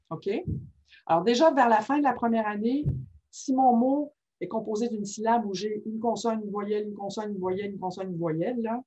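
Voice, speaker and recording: A woman's voice: medium pitch, slightly rough. A woman giving an informal teaching talk, often checking in with her listeners. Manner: checks in constantly with "ok?", lively and informal. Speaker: workshop presenter on reading disorders. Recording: muffled lo-fi recording.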